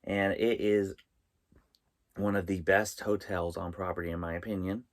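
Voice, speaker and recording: A man hosting a vlog from inside a small RV trailer, presenting in a halting way with pauses mid-sentence. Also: low-pitched, little pitch movement. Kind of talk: vlog presenting, tips and top-five countdown.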